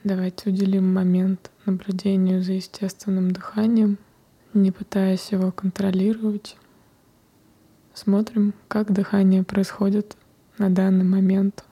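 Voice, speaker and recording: A woman softly whispering a guided breathing meditation, counting breaths in a slow, calm way. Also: mid-range voice, slightly rough.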